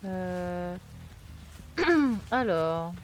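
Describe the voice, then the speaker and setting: A young woman from France streams a game, chatting and muttering to herself in a French accent with a fairly low, sing-song voice, speaking very slowly. Her casual gameplay commentary is self-mocking, with game music behind her and a little hiss or hum.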